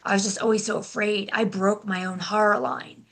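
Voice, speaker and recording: A young adult woman speaking as a guest in a casual interview, often restarting her sentences and filling pauses with "like". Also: medium pitch, flat delivery, a bit bright. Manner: halting, restarts, many "like" fillers. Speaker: guest, intuitive healer and life coach.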